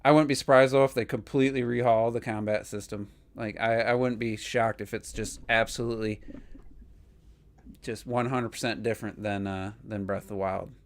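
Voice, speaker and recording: A man's voice: fairly low pitch, fairly even intonation, moderate pace. A man co-hosting a gaming podcast, chatting casually and opinionatedly, rambling with lots of fillers. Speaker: podcast co-host.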